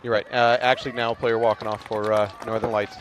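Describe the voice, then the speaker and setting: A man's voice: medium pitch, flat delivery. A man doing color commentary on a paintball match, upbeat and relaying rulings from the judge. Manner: quick, upbeat, passes on updates from the judge. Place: outdoors at a paintball field. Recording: noisy outdoor event.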